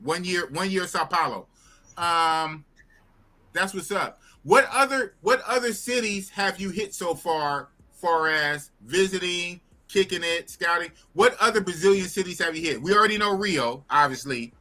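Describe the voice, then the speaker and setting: A man's voice: high-pitched, a little slow, pushed and bright. A man in his fifties hosting a casual chat, asking loose questions in a slangy, repetitive way. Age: 50s. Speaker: host.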